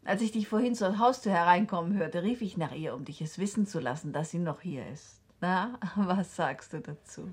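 A lonely middle-aged woman speaks softly in a 1960s radio drama. Her voice is breathy and husky and often falls to a whisper. She sounds gentle and a little uneasy. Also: fairly low pitch, normal speed, hardly any pauses. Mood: tender uneasy. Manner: soft and gentle.

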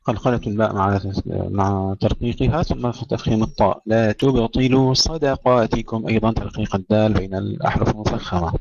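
A man teaching tajweed, reciting verses slowly and melodically, then explaining the rules quickly. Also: on the low side, steady tone, vocal fry, darkish tone. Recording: dry, muffled lo-fi recording.

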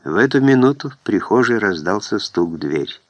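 A man narrates a historical novel as an audiobook reader in a measured, even storytelling manner. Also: fairly low pitch, dry recording, muffled recording. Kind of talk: scripted narration.

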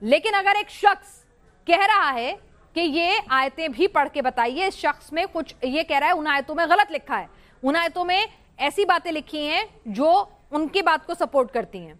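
High-voiced insistent woman anchor. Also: fairly bright tone. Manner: insistent, talks over guests. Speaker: TV debate anchor. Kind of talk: heated TV debate.

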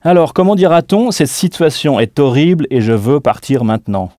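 A man teaching a scripted audio language lesson, speaking clearly and deliberately and spelling out words letter by letter. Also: fairly high pitch, lively intonation, mellow, no room sound, studio quality.

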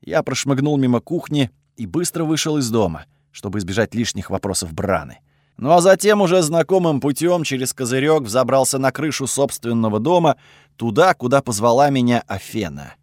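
A man reading a fantasy audiobook in the first person, measured storytelling. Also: medium pitch, animated, darkish tone, dry recording, studio quality. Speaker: audiobook narrator.

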